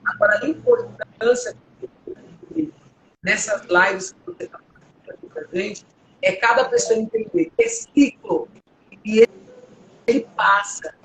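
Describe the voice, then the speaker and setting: Woman, 50s, from Brazil; deep powerful voice, earnest preacher's testimony, echoey home room with faint hum. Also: fairly bright tone. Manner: earnest, emotional, exhorting listeners.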